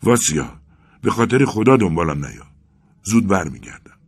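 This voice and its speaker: A man's voice: a bass voice, sing-song, vocal fry, a little mellow, slightly rough, heavily acted. A man voicing Arkady, worried loyal friend. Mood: urgent. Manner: urgent, coaxing, alarmed. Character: devoted worried young male friend.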